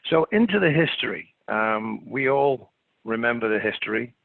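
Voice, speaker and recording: A man's voice: mid-range voice, lively intonation, moderate pace, creaky, no echo. A middle-aged man with an English accent giving an informal webinar presentation, hesitant, polite and self-deprecating. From England. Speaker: webinar presenter, clinical consultant. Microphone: remote webinar call. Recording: narrow phone-like line.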